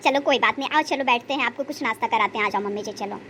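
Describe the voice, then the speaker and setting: A woman voicing a young, devoted daughter-in-law in a cartoon story, protective of her mother-in-law and sharp-tongued about her husband. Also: fairly high pitch, fast, a little hiss or hum, lightly acted. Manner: protective, scolds and soothes.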